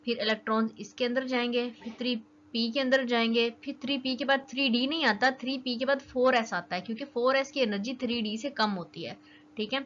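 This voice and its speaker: Young female teacher, chatty explainer, slightly high voice, dull lo-fi sound with faint hiss. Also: a bit bright. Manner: chatty, keeps checking in with "okay". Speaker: chemistry teacher. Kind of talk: casual explanatory lesson. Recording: dull lo-fi recording with faint noise.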